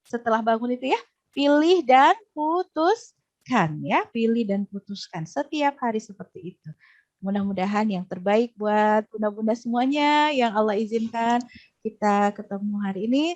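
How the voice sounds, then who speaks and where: A woman from Indonesia leads a parenting talk as a coach, her voice sitting a little high. She speaks gently and keeps checking in with her listeners through short tag questions. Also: lively intonation, moderate pace, dull audio.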